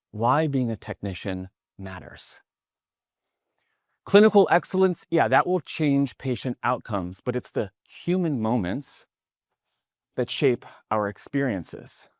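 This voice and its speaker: A man in his thirties from the New York area gives a motivational keynote with an energetic storytelling drive. His voice sits at a medium pitch and climbs high and loud when he gets excited. The sound is dry and close, with little room echo. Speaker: keynote speaker. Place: large conference hall.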